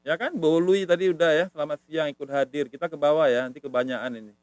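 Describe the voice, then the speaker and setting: On a casual live-stream language lesson, a male teacher speaks fast with fairly even intonation in a high-leaning voice, on a dry recording. He is patient and repetitive, tagging nearly every phrase with a short "ya."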